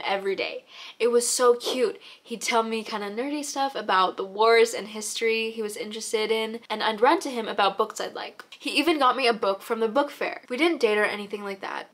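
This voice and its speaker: A teenage young woman with a fairly high voice. She talks casually and earnestly, like a host reading out submissions and offering encouraging advice. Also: a bit bright. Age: teens. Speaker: host reading viewers' confessions and giving advice.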